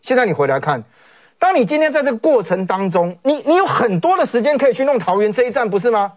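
His pitch extremely high and his pace quick, a talk-show commentator with a Taiwanese Mandarin accent offers animated, sarcastic political remarks, often parroting what others said.

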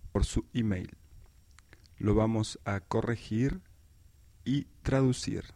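A man teaching a podcast language lesson, explaining each point slowly and carefully. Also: lowish voice, dark tone, no room sound. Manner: slow, careful explaining delivery. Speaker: Spanish teacher.

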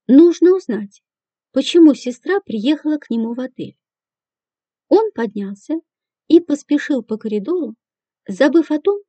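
A female audiobook narrator reading in a measured, even way. Her voice sits high with a very dark, mellow timbre. The recording is dry and dull, a little lo-fi. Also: dry recording.

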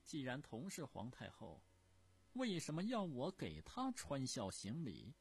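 A male storyteller voicing an imperious, furious old empress dowager who scolds in a shrill, haughty voice. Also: very animated, unhurried.

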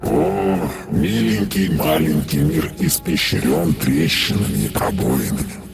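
A man voicing a sinister, mocking female dark sister in an audiobook, speaking slowly and taunting. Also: very deep voice, vocal fry, over music, pitched below the performer's own voice, full character voice.

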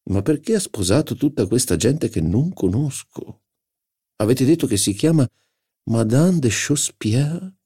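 A man's voice: mid-range voice, big pitch swings, moderate pace, dark tone, husky, pitched above the performer's own voice. A man reading an audiobook, voicing a haughty, insolent aristocratic duchess with a drawling, incredulous, mocking manner. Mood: affronted. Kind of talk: audiobook character voice.

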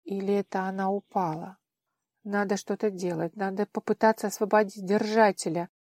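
A woman narrating an audiobook in an expressive, measured manner. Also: mid-range voice, dry recording, studio quality. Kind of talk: scripted narration.

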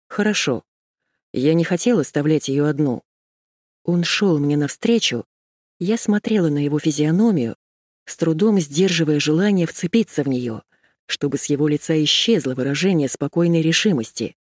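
A woman reading a first-person novel aloud in a measured, tense storytelling manner. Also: low voice, a little mellow, no room sound, studio quality. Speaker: audiobook narrator. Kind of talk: first-person audiobook narration.

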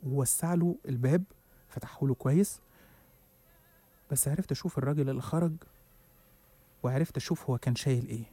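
A man's voice: mid-range voice, quick pace, pauses often, dark tone, slightly rough. A man with an Egyptian Arabic accent narrating a suspenseful first-person horror story. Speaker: storyteller host.

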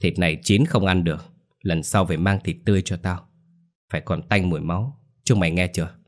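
Snarly old granny screaming curses, half-crazed and starving, man putting it on, loud. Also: low voice, fairly even intonation, brisk, lightly acted. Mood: menacing. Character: ravenous, foul-mouthed old grandmother, possessed and wild.

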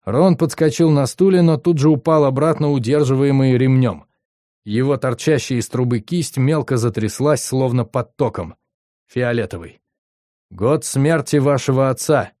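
A man reading an audiobook in a steady, even storytelling voice. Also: mid-range voice, normal speed, dry recording, studio quality. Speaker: audiobook reader. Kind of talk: audiobook narration.

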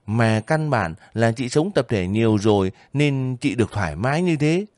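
A man voicing a lively, homesick young girl soldier who talks eagerly and breaks down in tears, in an audiobook reading. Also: mid-range voice, normal speed, no room sound, clean studio sound, lightly acted. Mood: chatty. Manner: chatty, emotional, breaks into crying.

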